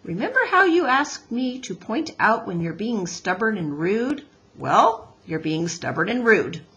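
A woman's voice: a little high, very animated, measured pace, fairly bright tone. A woman voicing a practical, bossy mother beaver in a storybook, no-nonsense yet courteous. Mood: scolding.

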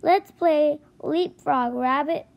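A woman's voice: sits high, takes it slowly, highs cut off. A woman reading the lines of a fun-loving young kid in a children's storybook, in a plain reading voice.

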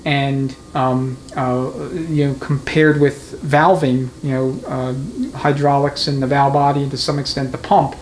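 Speaking a little slowly in a mid-range voice with little pitch movement, a transmission mechanic works through an unscripted, hands-on tutorial. He explains methodically and conversationally inside an indoor repair shop. The recording is rough, with clear workshop noise in the background.

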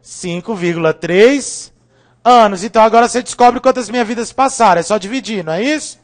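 A man's voice: high-pitched, fairly quick. A man with a Brazilian Portuguese accent teaching a live online chemistry review class, joking and constantly checking in with his students.

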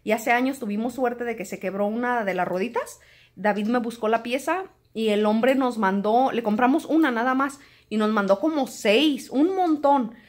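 A woman, chatting to camera in a home vlog and telling stories in an animated way. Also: fairly high pitch, normal speed. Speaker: home vlogger. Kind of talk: casual chat to camera.

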